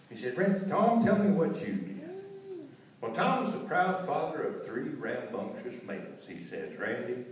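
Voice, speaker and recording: A man with a folksy cowboy drawl recites humorous cowboy poetry live, telling rhymed stories in a theatrical way. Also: medium pitch. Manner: theatrical rhyming storyteller delivery. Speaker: cowboy poet performing on stage. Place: echoey room with live audience. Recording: roomy echo, distant mic, faint noise.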